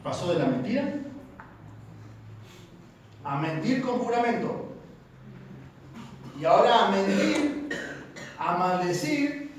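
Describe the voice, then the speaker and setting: A man with an Argentine accent preaches emphatically, throwing questions out to his listeners. His fairly high voice rings through a very echoey church and sounds set back from the mic, with a faint hum of the room behind him. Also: expressive, slow pace, long pauses, distant mic. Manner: emphatic, asks the congregation questions. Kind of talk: sermon.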